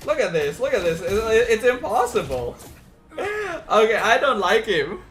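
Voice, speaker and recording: A man streams a game in a hyped, exasperated gamer bro manner. His voice sits high and swings up and down a lot as he chats casually about his play. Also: big pitch swings, moderate pace, fairly bright tone, faint music behind. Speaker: esports caster streaming a game. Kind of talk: casual livestream gameplay commentary.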